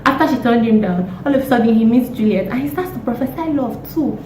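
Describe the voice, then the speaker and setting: A young woman, hoarse from a cold, chatting casually and emphatically as a vlogger with exasperated rhetorical questions. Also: fairly high pitch, lively intonation, fast, dark tone. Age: young adult. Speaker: YouTube vlogger. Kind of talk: casual opinionated chat. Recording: roomy echo, distant mic, faint noise.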